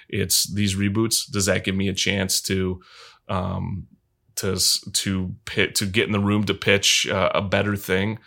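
A man's voice: low voice, completely flat delivery, measured pace, creaky, sharp tone. A man talking casually on a podcast, thoughtful and rambling with many fillers and restarts.

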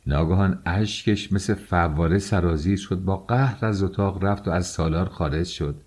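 A man with a very deep, husky voice narrates a novel as an audiobook. His reading is measured and expressive. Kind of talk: scripted narration.

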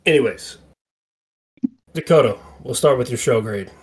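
A man's voice: mid-range voice, lively intonation, moderate pace, darkish tone, husky. A man hosting a casual wrestling podcast, laughing often and steering the chat back on track. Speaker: podcast host.

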